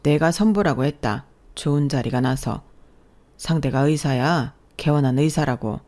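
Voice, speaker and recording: A woman's voice: sits low, normal speed, dark tone, close to an everyday voice. A woman voicing a domineering older father-in-law who talks in a stern, lecturing way.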